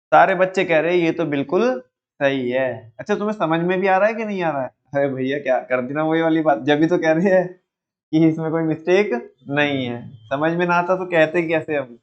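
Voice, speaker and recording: A man's voice: a little high, moderate pace. A male teacher giving an online economics lecture in a playful, teasing way, constantly asking his students questions. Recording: dull lo-fi sound.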